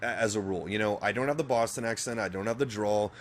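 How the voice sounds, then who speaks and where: A quick-talking man with a lowish voice co-hosts a casual podcast, trading crude, swearing, animated jokes with his partner. He's from Northern Virginia and has a general American accent. There's slight noise in the background.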